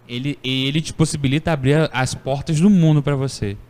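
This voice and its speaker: A man hosting a casual podcast conversation, telling stories in a playful, animated way. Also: mid-range voice, a little fast, long reverb tail. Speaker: podcast host.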